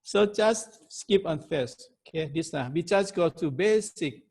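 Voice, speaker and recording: Slow, high-voiced Thai-accented man presenting. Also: expressive, vocal fry, a little mellow, husky. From Thailand. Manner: halting, broken English in short phrases. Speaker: webinar presenter. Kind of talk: technical webinar lecture.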